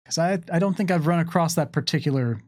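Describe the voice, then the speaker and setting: A man with a fairly high, slightly mellow voice talks fast on a livestream Q&A. As a game lore panelist, he reads out viewer questions and answers them casually, hesitating and thinking aloud.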